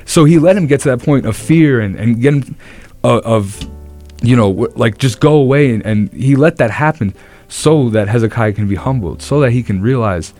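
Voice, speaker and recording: A young man co-hosting a podcast, retelling a Bible story in an earnest, animated way with many restarts. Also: mid-range voice, moderate pace, faint music behind. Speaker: podcast co-host. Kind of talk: casual Bible discussion.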